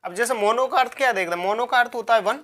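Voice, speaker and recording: A woman's voice: a little high, racing, fairly bright tone. A woman teaching a vocabulary lecture, repeating key words, asking herself questions and spelling words out letter by letter.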